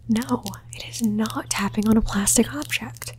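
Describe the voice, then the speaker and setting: A woman whispering an ASMR roleplay in a soft, teasing and playfully bossy way. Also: fairly high pitch, moderate pace, a little hiss or hum. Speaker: ASMR creator.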